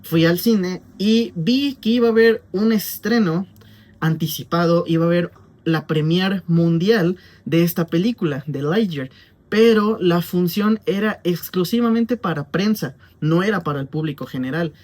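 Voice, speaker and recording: A young Mexican man with a Mexican Spanish accent talks through a film review with a somewhat high voice. He rambles casually and fills his pauses with plenty of verbal fillers. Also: a little mellow. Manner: chatty and rambling, with frequent fillers and asides.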